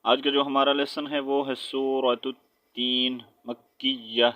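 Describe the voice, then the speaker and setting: A man teaching Quran recitation step by step, spelling out letters with their vowel marks and often checking in with his listeners, then chanting verses slowly. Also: mid-range voice, level tone, highs cut off. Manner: switches between quick explanation and slow drawn-out chanted recitation.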